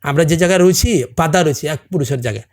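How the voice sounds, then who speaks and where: Casting: middle-aged man, slightly higher voice, Hindi native speaker with a Bengali accent, earnest, keeps asking "understand?". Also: racing. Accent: non-native Bengali, from a Hindi-speaking camp community. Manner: earnest, presses with rhetorical questions like "understand?". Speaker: podcast guest, salon owner. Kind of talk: casual chat.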